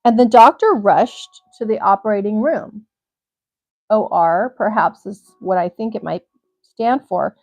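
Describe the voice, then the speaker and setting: Reading a crime article on her livestream, a young woman keeps a steady pace but interrupts herself at times with blunt, swearing asides. Her mid-range voice is a little slow, the audio sounds dull, and soft music plays underneath.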